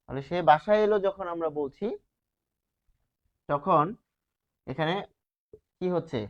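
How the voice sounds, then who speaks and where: A man's voice: fairly high pitch, a little slow. A male teacher giving a grammar lesson, explaining step by step and asking and answering his own questions. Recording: slightly dull, lo-fi sound.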